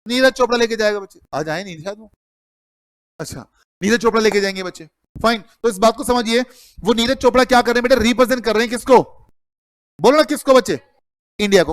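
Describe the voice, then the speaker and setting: A man's voice: sits high, no room sound. A middle-aged man teaching an accounting class, calling students "beta" and firing repeated questions at them. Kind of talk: classroom lecture.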